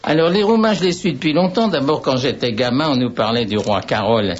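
A man's voice: mid-range voice, fairly quick. An older man, a radio guest, telling rambling anecdotes with wry asides. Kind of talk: radio conversation. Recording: dull radio sound.

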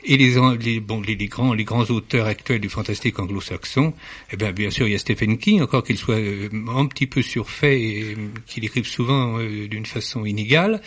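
A man's voice: on the low side, normal speed, slightly rough. Formal guy on a radio panel, critic, keeps stopping and restarting, studio mic. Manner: formal, hesitant, many fillers and restarts. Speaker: literary critic guest. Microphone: studio microphone.

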